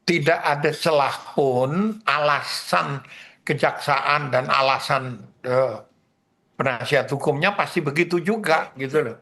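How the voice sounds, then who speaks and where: A man's voice: a little high, unhurried, bright, forceful tone. A man, a professor guest, phoning in to a news panel over a phone line that keeps breaking up and cutting out. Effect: phone line breaking up, choppy and cutting out. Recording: distant, choppy phone line.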